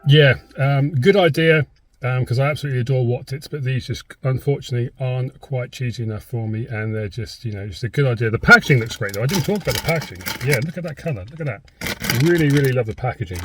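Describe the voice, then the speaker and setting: A British man with a slightly husky voice gives a casual, rambling food review to camera, hesitating as he goes, recorded inside a car. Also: mid-range voice, fast, noisy background.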